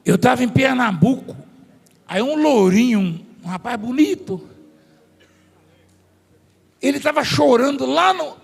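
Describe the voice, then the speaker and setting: A man's voice: very high voice, animated, measured pace, creaky, pauses often, breathy edge. A man preaching a sermon in a large church hall, telling stories and joking with the congregation and staff. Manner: storytelling, jokes with the congregation and staff. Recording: long hall reverb, faint music.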